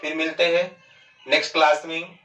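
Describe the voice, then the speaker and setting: A man teaching Hindi grammar in a lecture. He asks questions and answers them himself, and he draws words out slowly to show how they sound. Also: a little high, completely flat delivery, sharp tone, recorded from a distance. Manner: stretches out words to show pronunciation. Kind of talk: classroom lecture. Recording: dull, echoey and off-mic.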